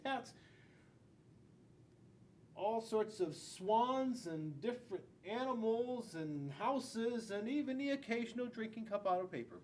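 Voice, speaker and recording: Questions for the children punctuate a dramatic read-aloud of a picture book by an American school resource police officer in his forties. The indoor classroom recording comes from a camera a few feet off, carrying noticeable room noise and a low rumble.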